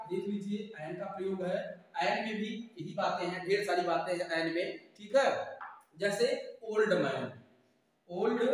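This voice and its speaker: A man teaching grammar to students, calling them "beta" and repeating each key word patiently. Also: sits high. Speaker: English teacher. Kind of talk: classroom grammar lesson in Hindi. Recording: very echoey room, voice from far off.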